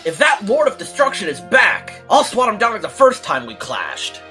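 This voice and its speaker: Woman voicing a cocky young male hedgehog hero, very animated. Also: mid-range voice, normal speed, music in the background. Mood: cocky, eager. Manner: brash, slangy, boastful. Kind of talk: fan audiobook character acting.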